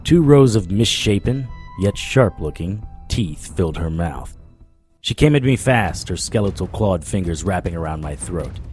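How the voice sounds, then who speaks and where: Over soft music, a deep, slightly mellow male voice narrates with tension and expression at a normal pace. He's playing a haunted, relentless supernatural investigator who tells his own story in first person, hard-boiled audio drama style.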